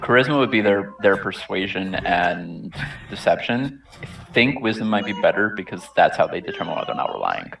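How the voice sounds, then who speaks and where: Gravelly low-voiced man at a game table. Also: animated, fairly quick. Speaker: tabletop roleplaying player. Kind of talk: casual game discussion. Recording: slightly distant mic, faint music behind.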